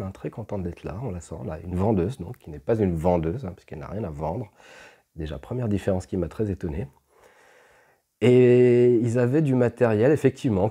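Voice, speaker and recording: A man's voice: low voice, warm tone, slightly rough. A man telling a personal story at home in a casual, rambling way, with many fillers and restarts. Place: at home, with pets.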